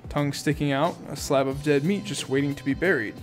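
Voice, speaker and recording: A man with a slightly high voice reads a novel aloud in a relaxed, amateur audiobook style. He breaks off now and then for little asides and corrects himself as he goes. Soft music plays faintly behind him. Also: fairly quick. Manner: casual reading with asides and self-corrections. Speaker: audiobook reader.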